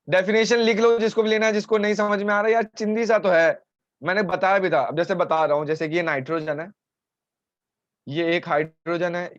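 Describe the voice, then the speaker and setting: A man teaching a chemistry class live online in Hindi, explaining step by step and pausing to answer student questions, with a sore throat. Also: a little high, dry recording, highs cut off. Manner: talks to students, breaking off to answer chat complaints. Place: home, streaming over mobile data.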